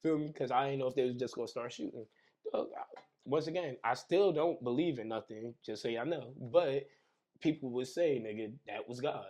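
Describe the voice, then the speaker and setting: A man's voice: mid-range voice, fairly quick. A young man, a podcast guest, talking casually over drinks and telling vivid stories full of slang and sound effects. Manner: animated storyteller, heavy slang, acts out scenes with sound effects.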